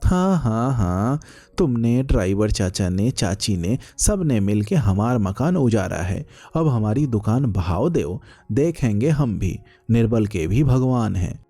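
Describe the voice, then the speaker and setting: A man's voice: on the low side, sing-song, measured pace, dark tone, no room sound, faint music behind, heavily acted. A man voicing a poor, hunchbacked young woman who pleads and wails in village dialect. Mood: bitter.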